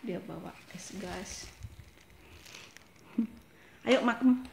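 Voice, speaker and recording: A woman's voice: mid-range voice, a little slow, creaky. A woman from Indonesia, chatting casually to her viewers in a vlog and laughing often. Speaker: vlogger. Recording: echoey room, faint noise.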